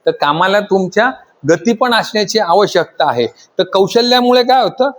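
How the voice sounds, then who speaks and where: Male instructor, high voice, quizzing students in a training classroom. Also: expressive, normal speed. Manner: asks the class constant questions and pushes them to answer louder. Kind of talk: classroom lecture.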